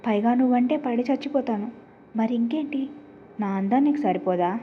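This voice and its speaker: A woman's voice: a little high, moderate pace, highs cut off, a little hiss or hum, natural voice. A woman voicing a stubborn, possessive young woman who pleads with her cousin and then defies him. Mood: pleading. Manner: pleading, then defiant and arrogant.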